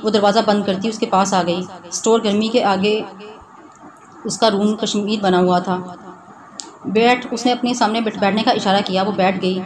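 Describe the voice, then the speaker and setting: A woman reading a romance novel aloud in a steady storytelling manner. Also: mid-range voice, crowd noise. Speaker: narrator. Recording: noisy background hiss.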